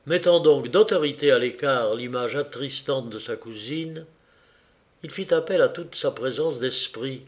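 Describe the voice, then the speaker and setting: A man's voice: mid-range voice, measured pace. Man reading a novel aloud. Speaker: audiobook narrator. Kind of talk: scripted narration of a novel.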